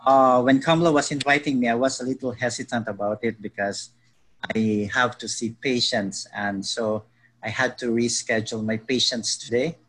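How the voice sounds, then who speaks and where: Male psychologist, slightly husky, polite and hesitant, on a video call. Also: mid-range voice, steady tone, normal speed, fairly bright tone, poor audio. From Philippines. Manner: polite, hesitant, many filler sounds. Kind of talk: casual panel talk.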